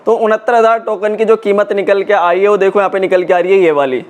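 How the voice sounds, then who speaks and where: A man's voice: high-pitched, steady tone, fast talker. A young man casually walking viewers through an on-screen tutorial, chatty and repeating filler check-ins as he goes. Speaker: crypto tutorial YouTuber. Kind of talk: casual screen-walkthrough explanation.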